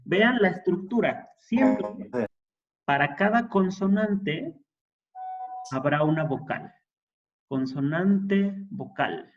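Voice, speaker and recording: In an introductory Hebrew classroom lesson, a high-voiced man speaks slowly with lively intonation, pausing often. He explains things patiently and checks in on his students, and the audio's high frequencies are cut off.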